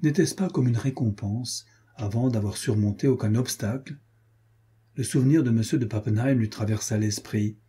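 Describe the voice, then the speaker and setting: Dark, husky male audiobook narrator. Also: medium pitch, normal speed. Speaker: audiobook reader. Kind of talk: scripted narration.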